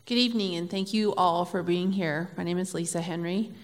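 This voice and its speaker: A woman with a fairly low voice opens her statement at a forum in a measured, soft-spoken way. A long hall reverb follows her voice. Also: fairly even intonation. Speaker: candidate. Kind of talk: opening statement.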